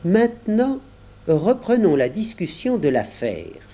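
A man voicing a slim, grey-haired old gentleman who speaks softly and with great courtesy. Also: sits high, slow, voice pushed up, full character voice. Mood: courteous. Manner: soft, courteous, calm.

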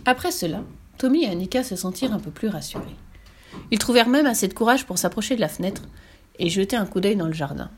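Woman storyteller, mid pitch, expressive children's story narration, faint hiss. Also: quick pace. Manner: expressive, animated reading.

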